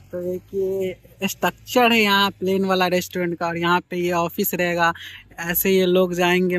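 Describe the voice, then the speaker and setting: A man's voice: high-pitched, no room sound, low-quality recording. A young man from Bihar in his twenties, chatting enthusiastically as he gives viewers a walking tour outdoors, filming himself on a phone held at arm's length. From Bihar, India. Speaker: vlogger. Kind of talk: casual walking vlog. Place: outdoors in an open field at sunset.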